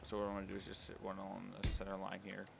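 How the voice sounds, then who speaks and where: A man's voice: deep voice, monotone, fast talker, gravelly, music in the background. A man streaming a building game, rambling and correcting himself as he thinks aloud. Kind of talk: casual gameplay commentary.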